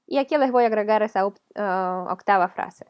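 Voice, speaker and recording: A woman's voice: medium pitch, a little fast, a little mellow, smooth. A woman with a Ukrainian accent, a teacher explaining a video lesson patiently, step by step. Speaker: language teacher.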